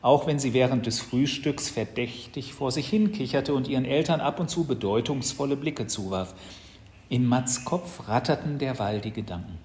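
A man reading a children's Christmas story aloud as narrator, in a lively storytelling manner. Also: medium pitch, moderate pace.

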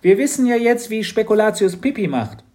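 A man voicing an eager, impatient little girl in a children's audiobook, loud and high. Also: lively intonation, fairly quick. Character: excited cheeky little girl.

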